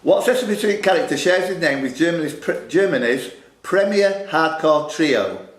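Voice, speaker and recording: Hosting a live pub quiz in a social club room, a man speaks at normal speed in an animated, somewhat high voice, tossing in jokey, punning asides. The roomy club hall carries some noise.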